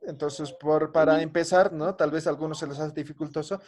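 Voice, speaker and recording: A man's voice: fairly high pitch, steady tone, brisk, darkish tone. A man teaching an online language class, patiently drilling greetings and often ending phrases with a questioning "¿no?".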